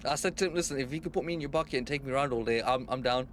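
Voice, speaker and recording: A man's voice: medium pitch, very fast, fairly bright tone, slight background noise. A young man streaming a game, chatting casually with viewers and swearing a lot. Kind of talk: casual live-stream chat.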